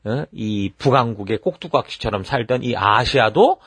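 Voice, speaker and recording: A man gives a chatty Bible-teaching sermon, his pitch leaping around as he acts out voices. His voice is a little husky. The sound is dry and close. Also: normal speed, dry recording. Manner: conversational, lots of fillers; animated, acts out quoted voices. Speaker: pastor.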